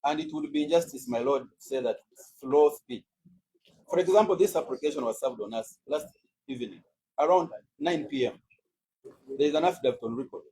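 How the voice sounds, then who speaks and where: A man serving as state counsel, making a measured, deliberate formal submission in court. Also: a little high, dark tone, slight background noise, low-quality recording. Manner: measured, deliberate legal oratory.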